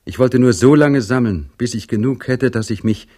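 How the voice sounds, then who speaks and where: A man's voice: medium pitch, moderate pace, darkish tone, breathy edge, pitched above the performer's own voice, natural voice. A man voicing an earnest young male serf in a storybook reading, talking plainly and wistfully.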